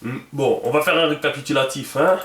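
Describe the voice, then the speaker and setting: A man's voice: medium pitch, a little fast, a bit bright. Male teacher, patient explainer, roomy echo on the voice. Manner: patient, checks often with the viewer. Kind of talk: instructional video lesson. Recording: echoey room.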